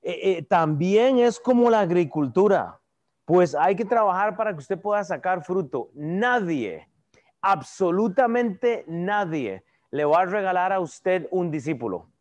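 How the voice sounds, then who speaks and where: High-voiced man teaching the Bible. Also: animated, normal speed, a little mellow. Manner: conversational, asks "¿verdad?" often, repeats words.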